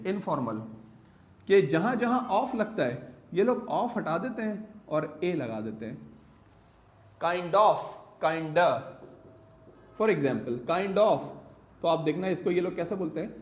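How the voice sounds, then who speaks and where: A man teaching an English grammar lesson, switching between Urdu and English and drawing out each English example slowly, word by word. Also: sits high. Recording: echoey room.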